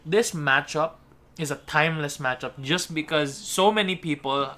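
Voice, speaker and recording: A man's voice: on the high side, moderate pace, bright, forceful tone. A man giving color commentary on an esports match, chatty and teasing his co-caster.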